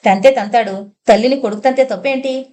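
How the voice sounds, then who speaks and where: Casting: woman playing a fond, protective young mother, pitch rising high when she pleads or protests. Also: a little fast, dark tone, natural voice. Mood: indignant. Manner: coaxing and pleading, then sharply defensive. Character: doting young mother, indulgent and fiercely protective.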